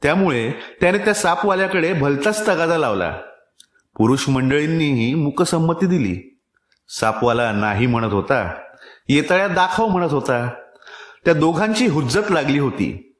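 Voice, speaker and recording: A man with a Marathi accent reads a village short story aloud with expressive, dramatic delivery. His voice sits a little high for a man, and the recording has a clear room echo. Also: moderate pace. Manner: expressive, theatrical reading. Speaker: story reader.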